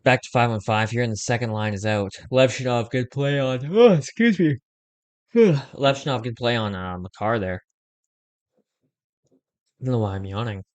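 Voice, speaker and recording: Young guy casually calling a hockey game on his stream, dry close mic, gets excited on big plays. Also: lowish voice, normal speed, pauses often, no room sound. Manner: conversational, reacts excitedly to plays, uses fillers like "like". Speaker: host of a fan watch-along stream. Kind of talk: casual live play-by-play and chat.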